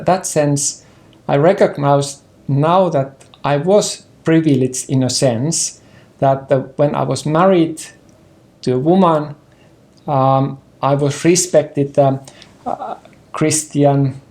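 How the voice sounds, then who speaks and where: Older man, Finnish accent, non-native English, halting, throat-clearing, gravelly, mellow tone. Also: a little high, steady tone. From Finland. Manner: halting, careful, with many fillers and throat-clearing. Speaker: interview guest, partner in conversation. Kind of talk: personal conversation on a sofa. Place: indoor living room with bookshelves.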